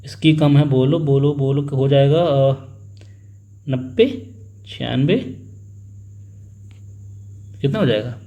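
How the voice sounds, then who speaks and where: In a warm, medium-pitched voice, a young man leads an exam-prep maths class slowly, leaving long pauses. He says the sums out loud, goes back over figures and prompts his students for answers, acting out family members in a small story.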